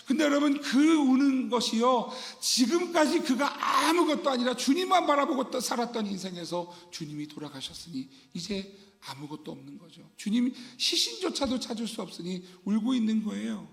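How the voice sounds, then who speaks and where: A man's voice: very high-pitched, very animated, moderate pace, vocal fry, hardly any pauses, fairly bright tone. A man preaching a sermon as pastor, fervent and dramatic, acting out scenes for his congregation. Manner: fervent preaching, acts out weeping Mary. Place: church sanctuary. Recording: long church-hall reverb.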